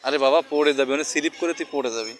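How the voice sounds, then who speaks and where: A man's voice: fairly high pitch, racing. A man vlogging casually while coaxing and scolding a small child. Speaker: vlogger and parent. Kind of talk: casual handheld vlog talk.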